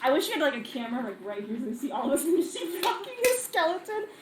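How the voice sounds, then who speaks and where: Animated, high-voiced woman running a tabletop game. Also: quick pace. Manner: giggly, swearing, informal. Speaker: game master. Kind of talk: casual tabletop role-play narration and banter. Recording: echoey room with background noise.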